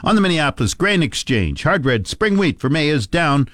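A man's voice: on the high side, very animated, moderate pace, fairly bright tone, no echo. A man hosting a radio farm report, reading scripted markets and news at a close studio mic. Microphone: close studio microphone.

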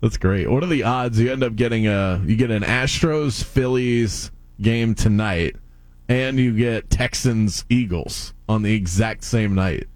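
A man hosting a sports talk show in casual chat, upbeat and teasing, firing off quick questions. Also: on the low side, darkish tone, no echo.

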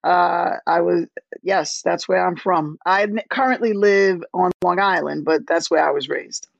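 A woman answering interview questions in a straightforward, friendly way, now and then pausing to find her words. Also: on the low side, vocal fry, no echo. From South Jamaica, Queens, New York. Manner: straightforward, friendly, slightly halting. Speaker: state trooper, interview guest. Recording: dull, dry lo-fi remote line.

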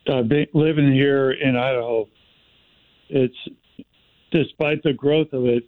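A man's voice: mid-range voice, steady tone, a little slow, no room sound. A male caller speaking over the phone in a folksy, rambling way, sometimes searching for his words. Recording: tinny phone line.

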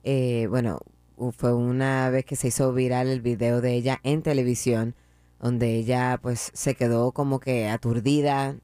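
A man's voice: medium pitch, a little slow, clear, resonant tone, no room sound. Male co-host, easygoing talk, mid voice, dry and close. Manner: relaxed, conversational, drops English asides. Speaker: radio co-host. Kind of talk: casual radio talk.

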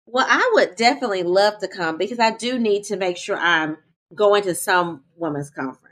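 A woman's voice: medium pitch, fairly quick, a bit bright. A woman co-hosting a podcast, talking chattily with listeners and calling them y'all. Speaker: podcast co-host. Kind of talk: casual podcast chat.

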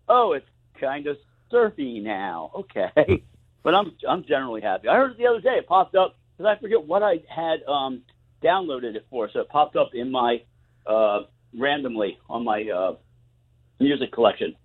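A man's voice: medium pitch, big pitch swings, moderate pace, husky. A man talking over the phone from home in a casual interview, wry and gloomy in a self-mocking way. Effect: heard over the phone. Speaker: guest musician. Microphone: phone, later on speakerphone. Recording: tinny muffled phone line.

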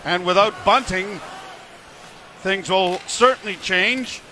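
Male hockey play-by-play commentator. Rapid running call, high voice, forceful bright edge. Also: slight background noise.

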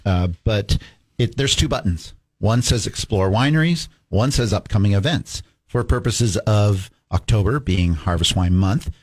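A man's voice: fairly low pitch, lively intonation, a little slow, darkish tone, no room sound. A man appearing as a guest on a morning radio show in the studio, talking upbeat and promotional. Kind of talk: casual radio chat.

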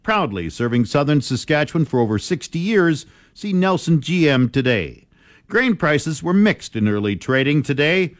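A man's voice: fairly high pitch, very animated, normal speed, dry recording, studio quality. A man reading scripted farm news and market prices as a radio presenter.

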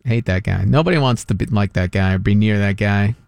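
A man's voice: on the low side, brisk, gravelly, clear, resonant tone, no room sound. A man from Long Island, co-hosting a sports talk radio show with joking, repetitive riffs. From Long Island, New York. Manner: animated, joking, riffs and repeats himself. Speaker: radio host. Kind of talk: casual sports talk banter.

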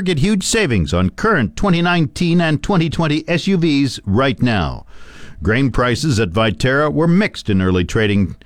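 A man gives a radio farm report, his pitch a touch high and very lively. He reads scripted market figures as the host, in a dry studio sound. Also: no echo.

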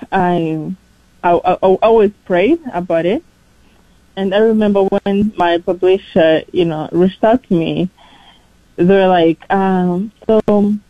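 A young woman from Rwanda talks about her path as a new author. She tells it in a relaxed, chatty way, with some fillers. The recording is dry and a little dull. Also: medium pitch, dry recording. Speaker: interviewee, author. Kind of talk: casual interview.

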